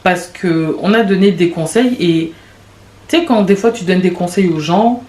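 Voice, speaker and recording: A woman in her late twenties hosting a podcast, talking in a rambling, confessional way with quick restarts and laughs. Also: lowish voice, darkish tone. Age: late 20s. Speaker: podcast host. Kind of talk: casual confessional monologue. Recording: echoey room with faint background noise.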